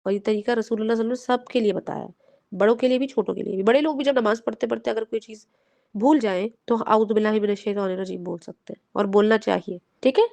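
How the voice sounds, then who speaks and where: A woman teaching a group of children in Urdu with an English-mixed Pakistani accent, explaining gently and often checking with them. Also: fairly high pitch, creaky. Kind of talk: lesson for children.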